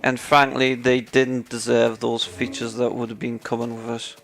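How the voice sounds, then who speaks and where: A man's voice: mid-range voice, little pitch movement, moderate pace, vocal fry, fairly bright tone. A man co-hosting a casual gaming chat show, ranting sarcastically and getting worked up about his topic. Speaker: podcast co-host.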